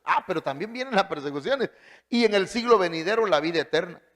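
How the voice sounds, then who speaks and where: Preacher, male, emphatic, fairly high voice, swings his pitch widely. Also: lively intonation, quick pace, a bit bright. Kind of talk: sermon.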